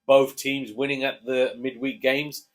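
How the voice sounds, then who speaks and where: A man's voice: mid-range voice, little pitch movement, measured pace. Dad co-hosting a casual chat, jokey and chatty, always nudging his mate to talk. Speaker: co-host, father.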